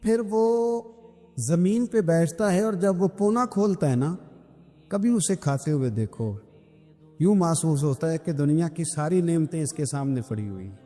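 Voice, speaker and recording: A man's voice: a little high, lively intonation, mellow. A male preacher giving a sermon, telling a story and asking his listeners rhetorical questions to keep them engaged. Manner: engaging, checks the audience is listening. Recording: reverberant hall with faint music.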